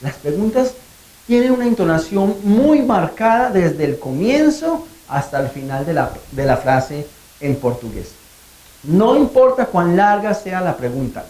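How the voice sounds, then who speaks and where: A woman teaching a language lesson, speaking clearly and deliberately and drawing out phrases to show question intonation. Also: mid-range voice, dark tone, reverberant, low-quality recording.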